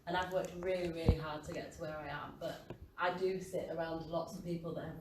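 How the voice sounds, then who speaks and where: A woman's voice: sits low, fairly even intonation, a little fast. A woman with a broad Yorkshire accent speaking earnestly and plainly in a casual discussion. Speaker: doctoral student. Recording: echoey room, distant mic, noisy.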